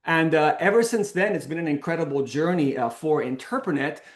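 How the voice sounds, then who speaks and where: A man's voice: a little high, fairly quick, roomy sound. A middle-aged man from the Canary Islands, a company founder telling his story in a casual presentation, with many restarts and fillers. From Canary Islands, Spain. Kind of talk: casual presentation on a video call.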